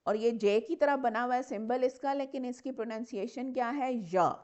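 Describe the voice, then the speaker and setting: A woman's voice: fairly high pitch, steady tone, a little fast, a little mellow, clear, resonant tone. A woman teacher, giving a patient step-by-step lecture on English consonants and repeating example words. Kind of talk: classroom lecture mixing Hindi and English. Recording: muffled lo-fi recording.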